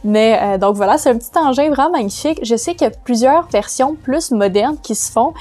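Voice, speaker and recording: A woman's voice: a little high, expressive, fairly quick, a little mellow. A woman with a Quebec French accent, chatting casually as she explains her writing tools in a vlog, loose and full of hesitations. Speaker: vlogger giving writing tips.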